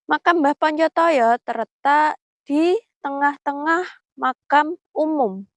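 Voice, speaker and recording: A high-pitched woman hosts a night exploration vlog. She keeps her voice hushed and murmurs slowly, with halting phrases as she guides viewers along. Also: no room sound. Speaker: vlog host.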